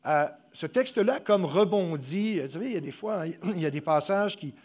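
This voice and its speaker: A young man giving a sermon, emotional and halting, often dropping his voice, with many fillers. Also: sits high, lively intonation, darkish tone. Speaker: preacher.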